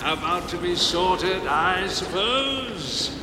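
A man's voice: sits high, expressive, takes it slowly, reverberant, in a large hall, noisy background, pitched above the performer's own voice. A man voicing a jolly, forgiving fat little monk ghost in an audiobook, cheery and friendly. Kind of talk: audiobook character voice.

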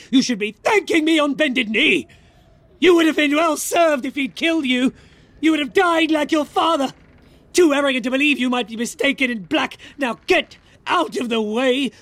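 A man's voice: high-pitched, husky, no room sound, voice pushed up, exaggerated voice. A man voicing a cold, menacing male professor who sneers and breaks into shrieks. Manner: sneering, slow, erupts into shrieks.

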